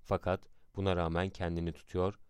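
A man narrating a historical account in a measured, dramatic reading style. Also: low-pitched, little pitch movement, a little mellow, smooth, no echo.

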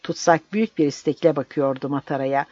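A man narrating a story in a steady, measured reading voice, on a dull, dry recording. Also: a little high, no echo.

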